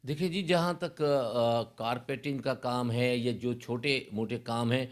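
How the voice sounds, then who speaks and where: A man's voice: medium pitch, fairly even intonation. A man speaking as an election candidate in an interview, assured and persuasive. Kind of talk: interview answers.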